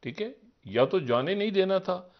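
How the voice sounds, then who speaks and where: A man's voice: lively intonation, normal speed, muffled recording. Rambling man, TV political commentary. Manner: rambling, asks rhetorical questions, swings from low murmurs to raised emphatic peaks. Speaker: political analyst on a TV talk show. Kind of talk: live TV current-affairs commentary.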